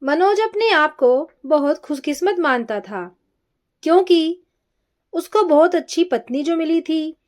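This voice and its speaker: A woman storyteller narrating a family story in a gentle, measured reading style. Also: high voice, expressive.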